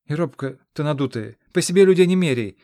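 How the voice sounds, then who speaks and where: A man voicing a scrappy, eager boy who wants to be a warrior, shrill and cheeky, in an audiobook. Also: animated, brisk, warm tone, dry recording, studio quality, close to an everyday voice.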